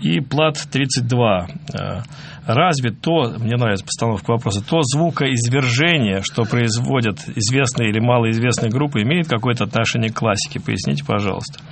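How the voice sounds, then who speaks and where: A man's voice: medium pitch, fairly quick, vocal fry, background noise. A man hosting a live radio music show in a casual, somewhat hesitant and rambling way.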